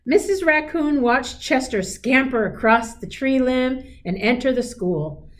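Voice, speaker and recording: In a high voice, a woman reads a picture book aloud to children, deliberate and expressive like a teacher. She adds simple asides to explain things along the way.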